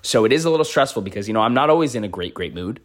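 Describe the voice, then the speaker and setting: Rapid-fire and fairly low in pitch, his voice carries lively intonation. The speaker is an American man in his thirties, a life coach giving an impromptu motivational podcast monologue and repeating phrases for emphasis.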